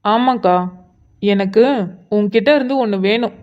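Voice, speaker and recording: A woman's voice: mid-range voice, fairly even intonation, normal speed, a little mellow, lo-fi sound, natural voice. A woman voicing an earnest young man who keeps pressing his elder sister with pleading, insistent questions in a cartoon. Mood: probing. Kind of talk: cartoon voice acting.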